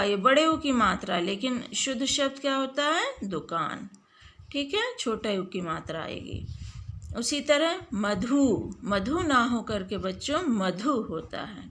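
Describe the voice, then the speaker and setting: Slow, lively-voiced woman teacher. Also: a little high. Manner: slow and deliberate, stretching words and asking the class questions. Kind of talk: classroom lesson on spelling.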